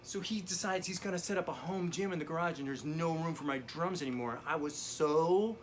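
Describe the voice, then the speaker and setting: During a remote drum lesson on video call, a man in character as a down-on-his-luck teacher rambles through a profane, meandering story for comedic effect. His voice sits on the high side, a little fast and natural, and there's a little hiss or hum.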